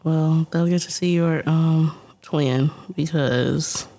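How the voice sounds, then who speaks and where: A woman's voice: sits low, steady tone, slow pace, vocal fry, mellow. A young adult woman co-hosting a podcast in casual, teasing chat, laughing often. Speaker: podcast co-host.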